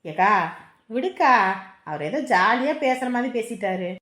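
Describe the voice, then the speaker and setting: A woman's voice: fairly high pitch, expressive, moderate pace, fairly bright tone, reverberant. A woman playing a chatty younger sister. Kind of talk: web series acting.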